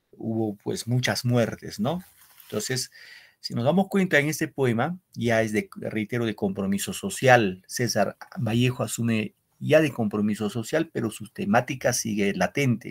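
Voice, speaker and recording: Over a video call, a man with a gravelly, mid-range voice teaches a secondary school literature class as an online lecture. He explains things step by step, quizzes his students, and ends his sentences with "no?".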